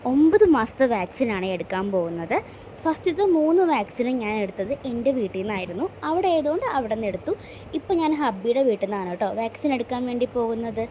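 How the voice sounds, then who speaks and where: A young Keralan mother talks through her day in a chatty vlog voice-over, sitting a touch high in pitch. A faint background noise runs underneath the recording. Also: big pitch swings, quick pace, warm tone. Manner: chatty, tag-heavy aside narration. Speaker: vlogger and mother.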